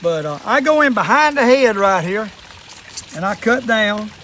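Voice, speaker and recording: Older southern guy, high voice, folksy old fisherman explaining stuff outside, some noise behind him. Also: expressive, moderate pace, sharp tone. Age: older, 60s or above. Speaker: fishing and fish-cleaning demonstrator. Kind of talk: casual hands-on how-to demonstration. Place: outdoors in a wooded yard at a table.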